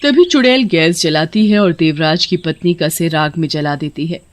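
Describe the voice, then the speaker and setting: A woman narrating a cartoon horror story in a steady, plain way. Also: low voice, moderate pace.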